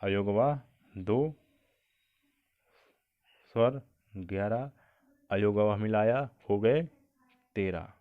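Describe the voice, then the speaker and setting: Slow, tinny-sounding man teaching a class. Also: lowish voice. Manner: asks the class questions and answers them himself, repeating key points. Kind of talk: exam-prep Hindi grammar lesson.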